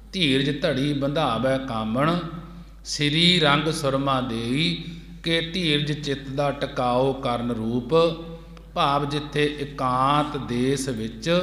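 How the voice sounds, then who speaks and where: A man preaching in a gurdwara hall, chanting scripture lines and then explaining them slowly, repeating each line. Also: on the high side, a bit bright. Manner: slow, measured, repeats each line twice. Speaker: Sikh preacher. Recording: echoey hall with long reverb.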